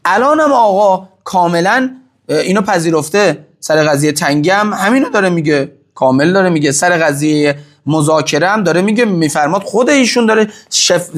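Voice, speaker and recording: A man giving impassioned talk to an audience, answering their questions, repeating phrases for stress and swinging between loud emphasis and hushed asides. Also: high-pitched. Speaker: religious-political speaker answering audience questions.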